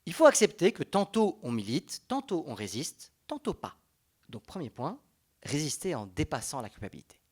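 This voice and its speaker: On a public panel, a young Belgian French-accented man talks in a lively, conversational way and often starts his sentences over. His pitch leans high, his pace is moderate, and there's a breathy edge to his voice.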